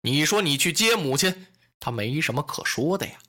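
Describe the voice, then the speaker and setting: A man voicing a cheerful, shrewd middle-aged strategist who gives relaxed, knowing advice. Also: a little high, normal speed, voice pushed down. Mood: scheming.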